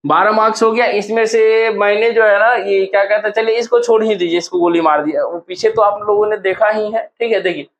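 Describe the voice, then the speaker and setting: This exam solution walkthrough comes from a man with a Bihar Hindi accent whose high-pitched voice stays steady as he talks a little fast, hardly pausing. He keeps things casual and encouraging for his students, though the audio is dull.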